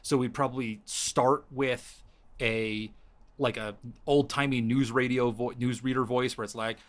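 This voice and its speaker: Guy on a podcast pitching his story plan, rambly, lots of restarts, mid-pitched everyday voice. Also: steady tone, a little slow. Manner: rambling, thinking aloud with frequent restarts. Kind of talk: casual chat.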